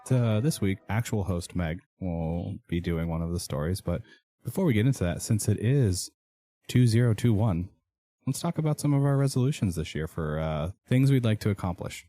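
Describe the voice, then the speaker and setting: Man, deep and warm, playful podcast co-host, dry close sound. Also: expressive, moderate pace, no room sound. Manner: joking, playful. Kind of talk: casual chat.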